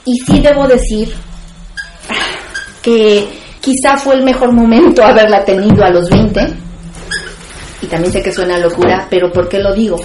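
A woman's voice: medium pitch, fairly even intonation, moderate pace, pauses often, noisy background. A woman talking frankly and reflectively in a casual conversation, with wry humor. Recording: echoey room.

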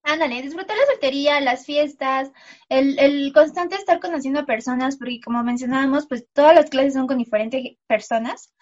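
A woman's voice: high voice, brisk, highs cut off. A young woman with a Mexican accent, co-hosting a casual podcast chat and animatedly quoting people. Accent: Mexican Spanish. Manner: animated, quotes people in mock voices. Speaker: podcast co-host.

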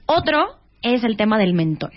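A woman's voice: on the high side, very animated, moderate pace. Explaining woman, dull recording. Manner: explanatory, rhetorical tag questions. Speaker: guest expert on face reading. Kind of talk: casual talk-show chat.

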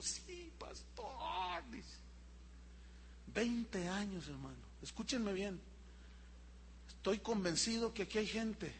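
A man's voice: high-pitched, sharp tone, slight background noise. A man preaching a sermon as pastor, telling a story and acting out the voices of the people in it. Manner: storytelling, acts out quoted voices.

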